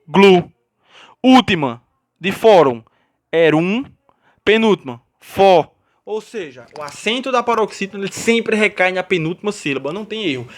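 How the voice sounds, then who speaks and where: A Brazilian man teaching a grammar lesson, explaining step by step and often checking in with his students. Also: high-pitched. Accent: Brazilian Portuguese.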